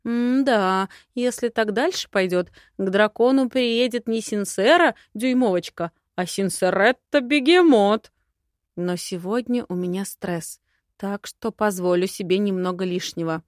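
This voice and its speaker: A bold young woman who fires off questions and comebacks in a brash, teasing tone, as a female narrator plays her. Her voice has a medium pitch and lifts above the narration around it. The recording is dry, with no room sound. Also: unhurried, no echo, close to an everyday voice. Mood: musing. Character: cheeky, sharp-tongued young bride-to-be. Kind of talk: audiobook character voice.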